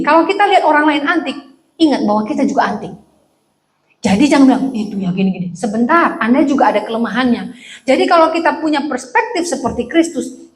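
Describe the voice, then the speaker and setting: A woman pastor preaching a sermon in a church, joking and acting out voices in her stories. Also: high voice. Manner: lively, joking, acts out quoted speech. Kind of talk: sermon with anecdotes. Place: church hall. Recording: echoey church hall.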